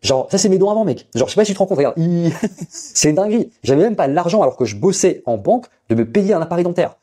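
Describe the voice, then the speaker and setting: A man from India, pitching his online business coaching to the viewer in a hyped, rambling way full of fillers. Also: lively intonation, very fast, mellow, breathy edge. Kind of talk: casual direct-to-camera sales pitch.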